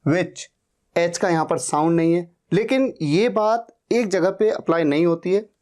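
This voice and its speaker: A man's voice: sits high, a little slow, darkish tone. A man teaching an English pronunciation lesson, patiently spelling out words and repeating them. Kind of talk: slow spoken-English lesson.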